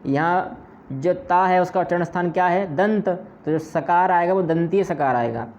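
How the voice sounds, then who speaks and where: A man teaches grammar in a patient, step-by-step way, pausing often to ask himself questions and repeat examples. His voice sits a little high for a man. The audio is slightly dull and lo-fi, with a faint hiss underneath. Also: darkish tone. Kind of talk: explanatory lesson.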